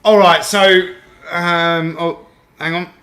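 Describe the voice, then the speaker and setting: The host, a UK man who auctions toys, chats casually on his livestream, reading viewer comments and laughing easily. His high voice has little pitch movement, a sharp tone and a slow pace. He's in an echoey home room in Australia.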